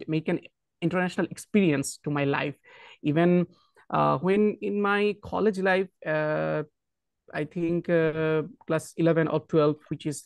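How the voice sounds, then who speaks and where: Young man, student guest, earnest, hesitant, gravelly, dry close sound. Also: fairly high pitch, no room sound. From Bangladesh. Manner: earnest, hesitant, apologetic about his English. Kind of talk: self-introduction in an online class.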